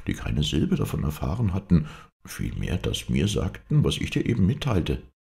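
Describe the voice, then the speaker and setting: A man's voice: very deep voice, huge pitch swings, normal speed, vocal fry, dark tone, voice pushed up, heavily acted. A man reading aloud, lifting his voice to play a tactful lady visitor who speaks soothingly.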